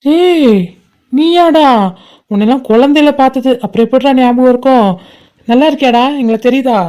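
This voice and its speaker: A woman voicing a cheerful visiting relative in a cartoon, chatty and excited when greeting old friends. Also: high-pitched, moderate pace, natural voice.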